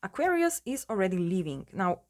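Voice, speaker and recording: A woman's voice: medium pitch, big pitch swings, brisk, darkish tone. A woman giving a casual tarot reading in her just-woken morning voice, rambling with many fillers and restarts. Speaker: tarot reader.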